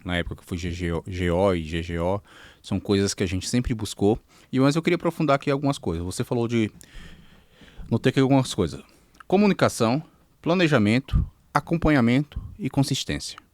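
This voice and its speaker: A man hosting a podcast interview, summing up his guest's points as lists before digging deeper. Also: dry recording. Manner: sums up points in lists, then asks for more. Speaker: podcast host.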